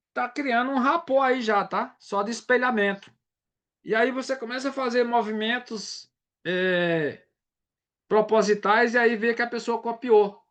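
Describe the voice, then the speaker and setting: A man's voice: sits high, fairly bright tone. A man from Brazil, giving a casual live sales training and often checking in with his audience.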